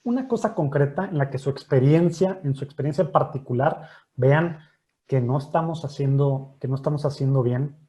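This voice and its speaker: A man, hosting a panel over a video call in a joking, lively way and often repeating his words. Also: fairly high pitch, normal speed. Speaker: host and moderator of a panel.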